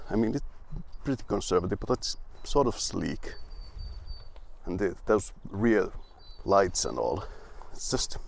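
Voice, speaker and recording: Young male car reviewer, lowish voice, dry wit, rambling and grumbly. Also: gravelly, a little mellow. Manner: rambling, with restarts and asides.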